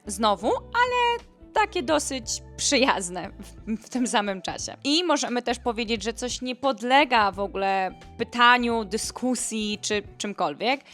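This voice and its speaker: A woman's voice: a little high, expressive, a little slow, a bit bright, faint music behind. A woman who grew up speaking Polish, chatting casually in an online lesson as she explains English phrases with quoted examples. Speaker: English teacher.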